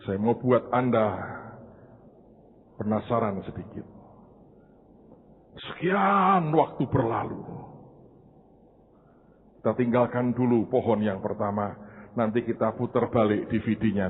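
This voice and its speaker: A pastor telling a story in a sermon, with dramatic swings from soft tones to shouting. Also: male voice, fairly low pitch, unhurried, long pauses, a little hiss or hum. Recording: tinny phone-like sound.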